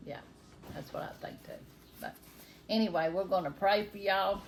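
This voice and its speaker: A woman's voice: mid-range voice, moderate pace. An older woman with a Southern US drawl, speaking in a folksy, plain-spoken way like a home vlogger. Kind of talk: casual chat and spontaneous prayer. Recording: faint background noise.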